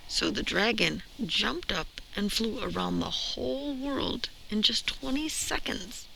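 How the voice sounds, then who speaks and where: A woman reading a children's storybook aloud with expressive, deliberate, emphatic phrasing. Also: medium pitch, creaky, low-quality recording. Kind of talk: expressive read-aloud narration. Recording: noticeable background noise.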